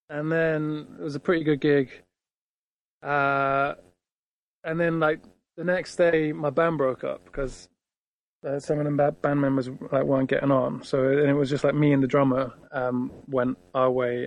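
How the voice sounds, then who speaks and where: A man's voice: on the high side, little pitch movement, normal speed, vocal fry, lo-fi sound. A man, a guitarist, telling a rambling story in casual conversation, full of fillers and acted-out quotes. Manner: rambling, heavy with fillers, acts out quoted lines. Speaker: guitarist guest.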